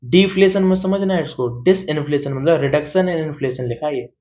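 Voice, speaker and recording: A young male economics tutor with a slightly raised pitch who explains in Hindi and reads English bullet points out slowly. He keeps checking in with "theek hai" between points. The recording is somewhat dull and lo-fi. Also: darkish tone. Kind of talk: exam-prep lecture. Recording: dull lo-fi sound.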